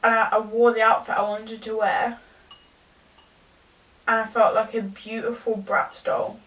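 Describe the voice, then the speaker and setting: A young woman, tipsy, giving a rambling, halting confessional rant to a camera some distance away. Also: on the high side, little pitch movement, a bit bright. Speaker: vlogger. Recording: distant from the mic.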